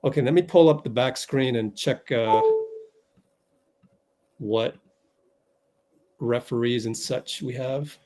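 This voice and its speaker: A man with a dark, medium-pitched voice speaks slowly and pauses often. He's hosting a fan livestream, calling the play-by-play while rambling through technical problems. Flustered and full of fillers, he talks to himself as he fixes the tech.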